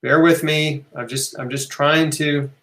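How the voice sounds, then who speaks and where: In an echoey, roomy recording, a man with a slightly high, somewhat bright voice hosts a relaxed live health Q&A at an unhurried pace with fairly even intonation. He talks informally and emphatically, urging listeners on, repeating key points, and checking in with "right?" and "okay?".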